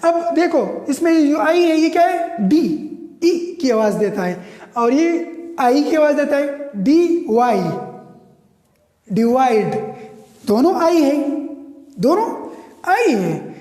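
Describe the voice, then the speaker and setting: Male pronunciation teacher, high mellow voice, drills words with questions; long hall-like reverb. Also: very animated, pauses often. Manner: repeats words and asks the class rhetorical questions. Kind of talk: classroom lecture. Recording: echoey room with long reverb.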